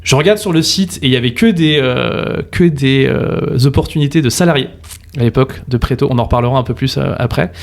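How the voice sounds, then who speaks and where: A man's voice: medium pitch, fairly quick, vocal fry. A man hosting a casual podcast interview, chatty and enthusiastic, filling his speech with fillers and slang. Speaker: podcast host, mortgage broker.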